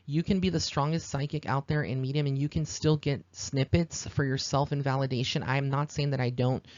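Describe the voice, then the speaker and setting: A Texan man who hosts a podcast as a psychic medium explains things at length in an informal, earnest, rambling monologue. His mid-range voice is brisk, level and a little mellow, recorded with no room sound and the highs cut off.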